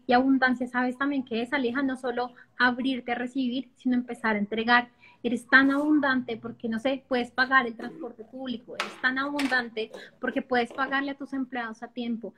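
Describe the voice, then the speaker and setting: Woman on a podcast, high voice, super enthusiastic, acts out voices. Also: fairly bright tone. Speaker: guest speaker on abundance. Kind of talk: casual podcast conversation.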